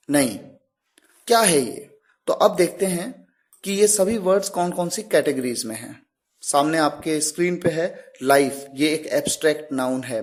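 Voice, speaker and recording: A man teaching English grammar to learners, patiently explaining each word step by step with examples and questions to the listener. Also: a little high.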